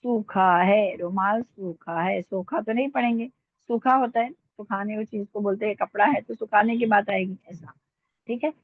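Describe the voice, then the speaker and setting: A woman's voice: medium pitch, moderate pace, dry recording, phone-quality sound. A woman teaching Urdu script in an online lesson, spelling words out letter by letter in a patient way.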